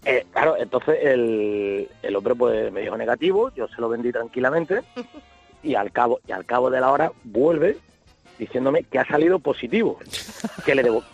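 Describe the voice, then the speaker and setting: A man's voice: medium pitch, lively intonation, normal speed, slightly rough, highs cut off, soft background music. A man calling in to a talk show, telling a funny work anecdote in an easygoing way. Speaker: caller, pharmacist.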